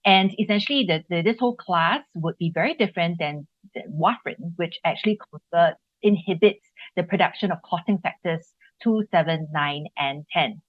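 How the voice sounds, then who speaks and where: A woman's voice: on the low side, normal speed, no echo. A woman giving an upbeat, explanatory webinar lecture over a video call. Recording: dull lo-fi webinar audio.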